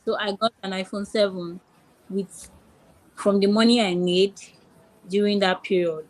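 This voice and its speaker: Her intonation stays fairly even as this young woman from Nigeria talks a little slowly at a medium pitch, her Nigerian accent audible. A casual guest on a podcast interview, she keeps repeating phrases and starting over, and the recording is rough.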